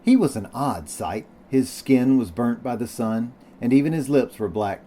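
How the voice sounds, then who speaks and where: A man's voice: medium pitch, expressive, normal speed, mellow. A man reading a novel aloud for his students. He narrates plainly and steadily, stopping to call out each page number. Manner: calls out page numbers as he reads.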